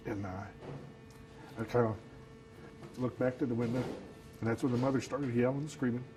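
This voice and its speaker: A man, telling his story in an interview in a halting, soft-spoken way, filling his talk with "you know.". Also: medium pitch, fairly even intonation, music in the background, low-quality recording. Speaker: actor who works as Santa, telling his story.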